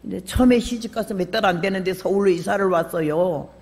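An older woman preaches a sermon with a gravelly, fry-edged voice. She tells homely stories with humor and bursts into loud, emphatic calls. Her voice rings with the long reverb of a large hall. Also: medium pitch, fairly quick. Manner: folksy storytelling with humor. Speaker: missionary preacher.

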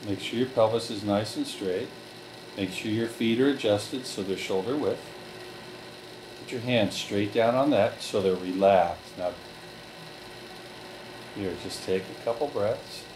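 A man leading a relaxation group through guided breathing, giving slow, calm step-by-step directions. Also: on the low side, noisy background.

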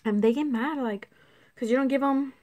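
A woman's voice: high voice, moderate pace, a little mellow. A woman in her twenties chatting casually to her phone while eating, chewing between rambling, filler-heavy phrases. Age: 20s. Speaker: vlogger. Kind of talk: casual mukbang chat to camera. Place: small indoor room at home. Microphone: phone at arm's length on table. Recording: phone recording with background noise and clicks.

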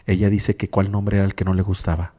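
A man's voice: sits low, flat delivery, fast talker, warm tone, big-room sound. A male radio host and psychologist, giving reflective spiritual talk and often checking in with his listeners. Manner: reflective, keeps asking "sí?".

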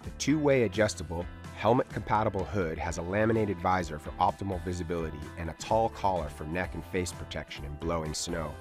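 A man reading scripted product copy in a smooth, polished ad voice. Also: sits low, fairly quick, hardly any pauses, over music. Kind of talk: scripted narration.

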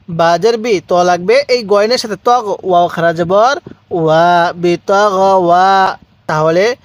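A man with a Bangladeshi Bengali accent teaching Quran recitation, spelling out each syllable slowly and prompting listeners to repeat after him. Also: sits high, no echo.

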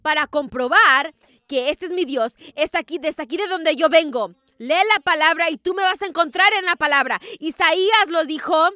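A woman preaching a sermon as a prophetess, emphatic and rising to forceful declarations, who keeps asking the congregation whether they are with her. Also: sits high, normal speed, dry recording, studio quality.

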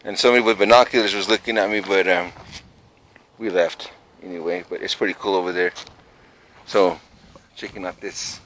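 A man's voice: sits low, fairly even intonation, brisk, a bit bright, a little hiss or hum, poor audio. Rambling man filming outdoors. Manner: rambling, unsure, chuckling asides. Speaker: vlogger exploring abandoned places. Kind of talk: casual vlog narration. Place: outdoors in rural countryside.

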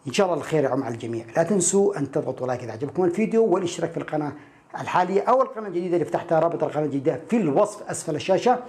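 A man teaching English pronunciation online, repeating phrases slowly and stressing each sound. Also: fairly high pitch, animated, darkish tone.

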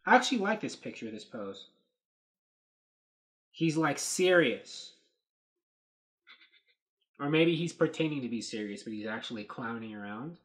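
A man in his thirties, acting as host, gives casual, expressive commentary on movie set photos, rambling and thinking aloud with lots of "you know" and "like," pausing and restarting. His pitch is an ordinary middle range. He sits close to a desk webcam in a small, dark room.

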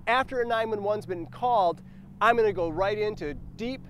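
High-pitched American male first aid instructor. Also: normal speed, a little hiss or hum. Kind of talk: instructional demonstration to camera. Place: outdoors on a roadside sidewalk.

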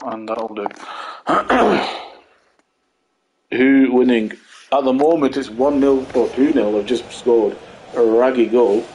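A man talks over his football game in a loose, rambling way, greeting viewers between plays. His voice sits in a middling pitch and gets excitable at the big moments. A faint hum sits behind him. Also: rough recording. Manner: rambling, chatty, talks to viewers while playing; excitable bursts at goals. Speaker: gaming channel host. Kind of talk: live football game commentary.

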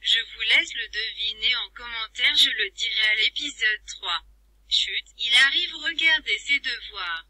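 A synthetic text-to-speech woman voice playing a cheeky translator app that taunts the viewers in a flat, computerized delivery. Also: a little high, a little slow, husky, no room sound, exaggerated voice, rough recording. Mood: mocking. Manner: teasing, insults viewers as losers. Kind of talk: computer-voiced vlog bit.

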